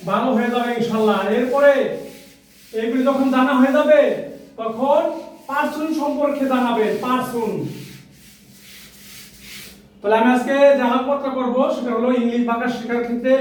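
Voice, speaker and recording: A man teaching English spelling and syllables to parents, reading out letter sounds in slow, sing-song drills. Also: very high-pitched. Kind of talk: phonics lesson for parents. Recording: echoey room, far from mic.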